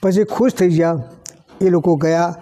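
Man, shrine caretaker, high-pitched, mellow tone, devout storytelling. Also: steady tone, measured pace. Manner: pious, recounts with quoted dialogue. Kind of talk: storytelling interview. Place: outdoors at a village shrine.

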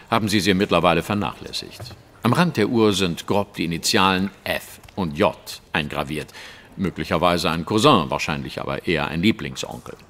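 In an audio drama, a male actor portrays a shrewd, self-assured English detective who lectures with precise, eloquent speech. His voice is lowish and a bit bright, with an exaggerated delivery.

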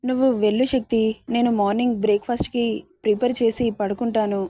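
Tender middle-aged aunt, read by a woman, soft, dry close sound. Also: fairly high pitch, fairly even intonation, quick pace, dry recording, natural voice. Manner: gentle, tender.

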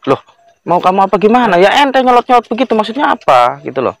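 A man's voice: sits high, sing-song, fast, gravelly. A man arguing insistently as a companion who came along to protect a friend. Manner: insistent, argumentative. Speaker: companion of a visitor. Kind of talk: heated argument.

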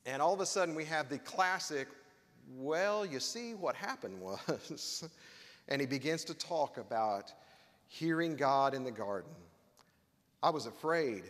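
A man's voice: medium pitch, fairly bright tone. Preaching man in a reverberant sanctuary. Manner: earnest preaching with wry humor. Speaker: pastor. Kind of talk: sermon. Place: church sanctuary. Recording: long hall reverb.

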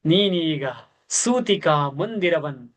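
A man giving a literature lecture, reciting verse lines slowly and then explaining each one in plain everyday speech. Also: on the high side, expressive.

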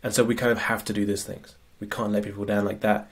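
Sniffly with a cold, a man with a lowish, breathy-edged voice talks quickly with fairly flat pitch. He's a productivity coach sharing slides in a relaxed, chatty lecture, repeatedly asking "right?" to check in.

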